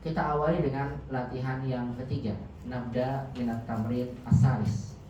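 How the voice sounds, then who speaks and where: A steady-toned, mid-range male voice at normal speed leads a religious class as an Arabic teacher, formally mixing Arabic prayers into Indonesian speech. It comes through a distant mic in an echoey mosque, muffled and with a noisy background.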